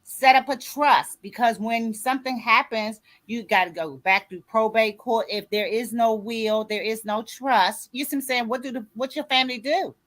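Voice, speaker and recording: Speaking at a moderate pace with hardly a pause, this sixty-something grief coach and author delivers a motivational talk in a fairly high, fairly bright voice. She comes across as preachy, returning again and again to "you see what I'm saying" to make sure listeners are with her.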